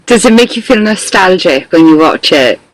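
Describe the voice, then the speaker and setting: A woman's voice: fairly low pitch, expressive, moderate pace, dry recording, poor audio. Chatty giggly woman hosting a live show. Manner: chatty and giggly, many fillers. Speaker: host. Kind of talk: casual live interview chat.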